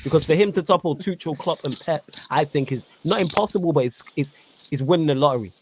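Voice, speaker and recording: Fast-talking Mancunian man. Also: fairly high pitch, background noise. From Manchester, England. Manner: fast, animated, reads viewer comments aloud. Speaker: podcast host. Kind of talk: casual football podcast chat.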